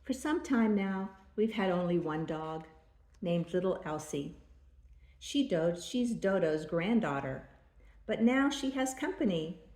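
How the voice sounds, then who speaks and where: An older woman with a grandma voice, reading a children's storybook aloud in a measured storytelling way. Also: fairly low pitch, expressive, darkish tone, reverberant.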